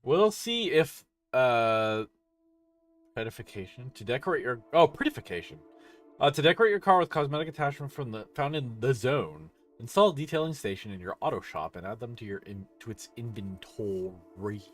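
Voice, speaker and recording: Sleepy man with a lively voice. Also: mid-range voice, a little fast, few pauses, soft background music. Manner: tired, yawning, rambling with many fillers. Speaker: streamer. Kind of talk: casual gameplay commentary.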